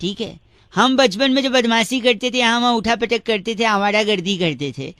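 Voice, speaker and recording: A man doing a bright, cheeky prankster voice. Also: sits high, normal speed, dry recording. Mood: mischievous. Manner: silly, pun-loving, mock-polite. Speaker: radio prank caller. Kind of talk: radio prank call.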